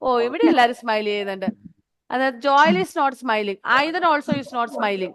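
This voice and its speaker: A woman teaching English to kindergarten children in an online class, speaking with a Malayali accent. She stretches out her English words slowly, then switches quickly into Malayalam, coaxing the children by name. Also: fairly high pitch, expressive, a bit bright.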